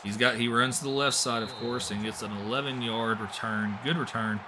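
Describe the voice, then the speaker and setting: A young man doing live play-by-play commentary on a simulated football game, getting excitable on big plays. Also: fairly quick, background noise. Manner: excitable, voice jumps high and loud on big plays. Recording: music playing behind the voice.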